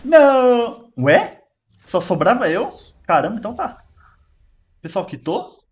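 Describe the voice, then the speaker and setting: This gaming video host has a Brazilian Portuguese accent and a high-pitched voice that swoops wildly. He commentates his matches casually, readily exclaiming and laughing at his own moves.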